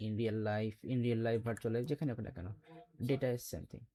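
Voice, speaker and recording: Guy teaching a class, soft mellow tone, keeps asking students questions, faint typing behind. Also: mid-range voice, a little slow, slight background noise. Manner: quizzes students, explains step by step. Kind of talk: classroom lecture.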